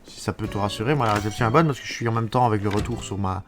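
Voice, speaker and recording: A man's voice: fairly low pitch, very fast, slight background noise. A man with a Belgian French accent from Wallonia, chatting live with viewers while playing a game. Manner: chatty, answers viewers, thinks aloud. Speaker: streamer.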